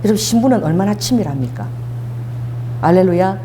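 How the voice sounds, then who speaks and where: A woman's voice: medium pitch, expressive, a little fast, warm tone, a little hiss or hum. A middle-aged woman pastor preaching an emphatic sermon and having the congregation repeat lines after her.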